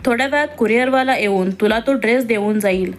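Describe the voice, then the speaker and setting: A woman's voice: on the high side, a little fast, lightly acted. A woman voicing a cheerful, firm wealthy businessman father in a read-aloud story. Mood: jovial. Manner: jovial, firm. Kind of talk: storybook reading.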